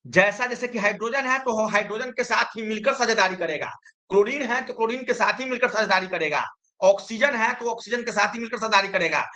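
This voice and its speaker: High, bright-voiced teacher. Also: male voice. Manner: explains with repeated questions to students. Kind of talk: chemistry lesson.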